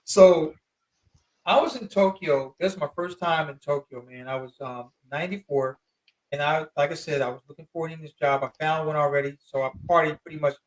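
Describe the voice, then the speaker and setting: A man in his fifties, an interview guest, telling travel stories in an animated, slangy, emphatic way. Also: on the high side, fairly quick, distant mic, low-quality recording. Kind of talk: casual storytelling.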